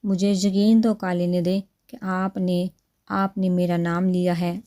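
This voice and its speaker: A woman's voice: on the low side, level tone, dark tone, close to an everyday voice. A woman reading the part of a heartbroken, tearful young woman, bittersweet and wistful, in a storybook reading.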